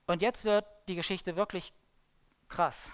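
A woman giving a sermon-style Bible talk, telling the story dramatically and swinging between loud emphasis and hushed lines. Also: on the low side, steady tone, a little slow, clean tone. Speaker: preacher.

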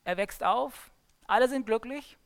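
A woman giving a sermon-style Bible talk, telling the story dramatically and swinging between loud emphasis and hushed lines. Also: a little high, measured pace. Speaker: preacher.

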